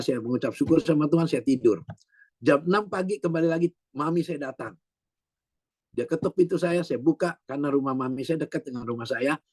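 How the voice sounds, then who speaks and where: A man's voice: medium pitch, a little mellow, husky, no echo. A man in his sixties preaching a sermon as a pastor, telling his own prayer testimony earnestly and often calling the listeners "my brothers and sisters". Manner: earnest, repeats "saudaraku", acts out quoted voices.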